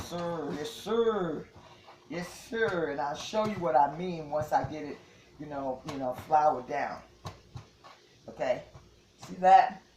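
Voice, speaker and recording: A woman's voice: deep voice, a little mellow, reverberant, slight background noise. A woman, chatting casually to viewers as she cooks at home and often repeats "yes, yes" and "okay?". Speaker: home cook. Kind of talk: casual cooking demonstration. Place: home kitchen.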